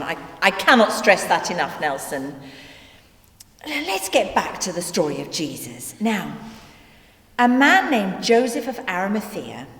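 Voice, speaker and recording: An actress playing a female detective who patiently explains the story to her sidekick, in a deliberate way. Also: medium pitch. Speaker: actor in church children's video. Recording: echoey hall with long reverb.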